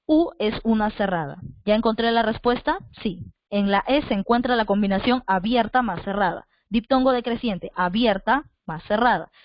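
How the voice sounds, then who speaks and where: A woman teaches an online class in a slightly high voice. She goes over each point more than once and keeps checking in with rhetorical questions. The sound is dry and a bit muffled. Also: moderate pace, no room sound. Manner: patient, repeats points, asks the listener rhetorical questions.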